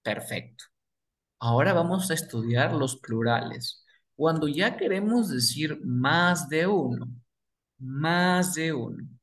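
Spanish-speaking man as a patient English tutor, unhurried, repeats words and quizzes the listener. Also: on the high side, lively intonation, fairly bright tone. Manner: repeats words slowly, asks and answers his own questions. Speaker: English teacher. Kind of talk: explaining grammar to beginners.

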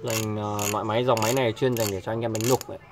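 A man's voice: on the low side, flat delivery, racing. A man, a fishing tackle shop owner showing products in a chatty way, often hesitating and repeating himself. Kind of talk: casual product showcase. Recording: noisy background.

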